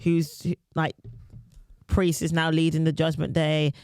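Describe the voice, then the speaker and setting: A woman's voice: low-pitched, little pitch movement, unhurried, a little mellow, clean tone, no room sound. A woman hosting a podcast, giving blunt, dry opinions in casual chat. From London. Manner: blunt, dry, recapping matches. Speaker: podcast host, comedian.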